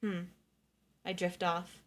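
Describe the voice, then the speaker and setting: A woman's voice: lowish voice, level tone, slow, a bit bright. A woman reading a novel aloud in first person, expressively acting out the narrator's thoughts.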